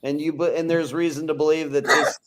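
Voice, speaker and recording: A man co-hosting a podcast in casual chat, rambling with plenty of "you know" and gently teasing his co-host. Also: a little high, little pitch movement, a little fast, slight background noise.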